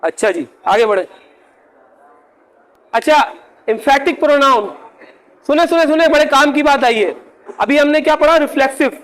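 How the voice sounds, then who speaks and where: Very high-voiced man teaching a grammar class. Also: poor audio. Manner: keeps checking if the class follows; slows down to spell out example words. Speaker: English teacher.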